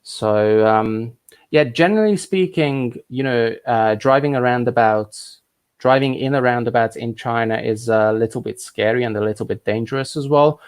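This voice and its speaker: A man's voice: mid-range voice, normal speed, smooth. A man born in Hungary and raised in England, hosting a casual live stream and chatting in a rambling way with lots of restarts and asides. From Hungary, raised in England from thirteen. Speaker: livestream host answering viewer questions.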